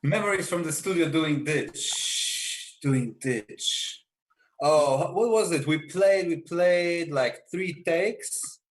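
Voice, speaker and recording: A man's voice: fairly high pitch, takes it slowly. A man chats casually on a video call. He talks in a rambling, hesitant way with lots of fillers. He laughs easily. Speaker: band member.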